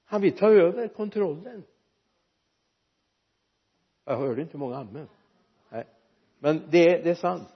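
Husky-voiced preacher man. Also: fairly high pitch, long pauses, muffled recording. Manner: lively preaching, jokes with the congregation. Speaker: pastor. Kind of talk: sermon. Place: church.

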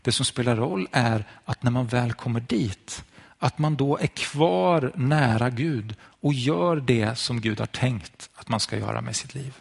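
A man's voice: medium pitch, expressive, creaky, slightly rough. A man preaching to viewers at home, telling a Bible story and speaking directly to the listener.

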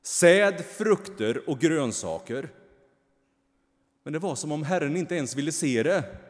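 A man reading a storybook and voicing the boy Cain, shrill and indignant, close to shouting, with a long hall reverb. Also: expressive, close to an everyday voice. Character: angry defiant young male Cain, a boy.

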